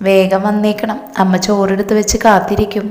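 A woman's voice: mid-range voice, little pitch movement, brisk, darkish tone, close to an everyday voice. A woman voicing a loving older mother who coaxes her grown son as if he were a small child. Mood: doting. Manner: coaxing, speaks as if to a small child. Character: loving elderly mother, tender and doting. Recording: roomy with long reverb.

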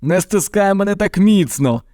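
A man's voice: high-pitched, sing-song, slow pace, a little mellow, no room sound, clean studio sound, pitched above the performer's own voice, exaggerated voice. A man voicing a good-natured, grumbling bear in a storybook reading, with a teasing manner. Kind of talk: storybook narration.

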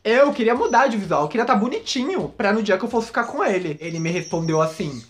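A man's voice: high-pitched, sing-song, quick pace. A man vlogger spills a story straight to camera. His delivery is campy and theatrical, and he keeps turning to the audience to gossip with them. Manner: gossipy, dramatic, campy, addresses viewers as "gente" and "menina".

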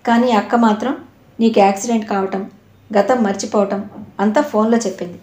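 A woman's voice: medium pitch, steady tone, brisk, a little mellow, close to an everyday voice. A woman voicing a middle-aged aunt who speaks in an affectionate, coaxing way. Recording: roomy echo.

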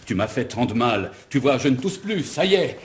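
An actor playing a lecherous police commissioner with asthma, in a theatrical radio play. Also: male voice, mid-range voice, big pitch swings, normal speed, natural voice. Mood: wild excitement. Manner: gloating, theatrical, bursts of mocking laughter. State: coughing asthma fits. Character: wheezy lecherous middle-aged male police commissioner.

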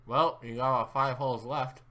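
A man's voice: mid-range voice, steady tone, a little fast, sharp tone. A young man chatting casually over a game, groggy and muddled, his mouth numb after dental surgery and painkillers. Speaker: video game player. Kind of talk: casual chat while gaming.

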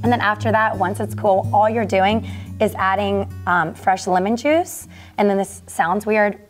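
An enthusiastic woman talks through a kitchen recipe in a casual, chatty how-to manner. Her voice sits at an ordinary middle pitch, with soft music faintly underneath. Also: unhurried. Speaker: food business founder, guest.

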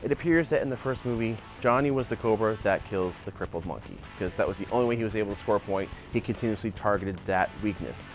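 Speaking quickly with hardly any pauses, a man in his forties with a lowish voice runs through opinionated commentary for his martial arts channel. He's in a backyard by a wooden fence on a lapel mic, gesturing animatedly, with faint music behind him.

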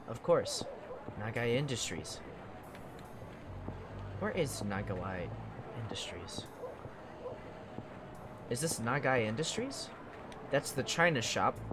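A man giving casual playthrough commentary, thinking aloud informally as he goes. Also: mid-range voice. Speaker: gamer. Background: game music.

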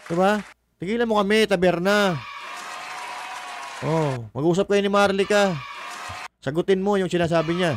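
Brief: man, political commentary vlogger, mocking and combative, fairly high voice, faint crowd noise behind. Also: normal speed, long pauses. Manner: mocking, combative, swears, laughs at own jokes; reads viewer comments aloud. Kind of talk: casual political commentary livestream.

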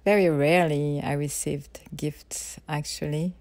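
A woman speaking softly and intimately, right in the listener's ear, guiding a tender visualisation for a partner. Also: deep voice, fairly even intonation, unhurried, no echo. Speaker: guide of a self-love ritual.

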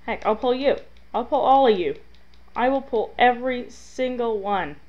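A woman commentating her own gameplay, venting and scolding the game, drifting between muttering and yelling. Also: fairly high pitch, normal speed, highs cut off. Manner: exasperated, talks to the game, swings from muttering to yelling. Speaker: gaming video host. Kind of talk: let's play commentary.

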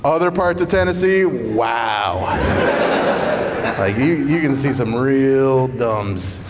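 A man's voice: medium pitch, lively intonation, slow pace. Male stand-up comic doing echoey crowd work. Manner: casual, conversational, profane. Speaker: stand-up comedian. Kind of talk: stand-up comedy crowd work, bantering with the audience. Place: small live comedy show in a climbing gym. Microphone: handheld stage microphone, recorded from the audience. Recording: muffled live room sound, long reverb, audience noise. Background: audience laughter.

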